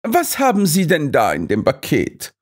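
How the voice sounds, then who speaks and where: A man's voice: a little high, wildly swooping pitch, moderate pace, husky, voice pushed up, full character voice. A man voicing a self-assured male master detective who lectures and explains triumphantly. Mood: lecturing.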